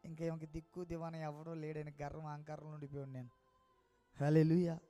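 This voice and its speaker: A man preaching his life testimony, swinging between loud impassioned cries and hushed, low tones. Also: little pitch movement, a little fast, dry recording, highs cut off, soft background music. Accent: Telugu. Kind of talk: emotional testimony sermon.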